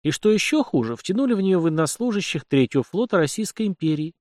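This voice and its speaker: A man's voice: sits high, very animated, quick pace, darkish tone, no echo, voice pushed up. Smug polite officer, flowery and ingratiating, read by a man, dry recording. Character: smug, overly polite young male officer.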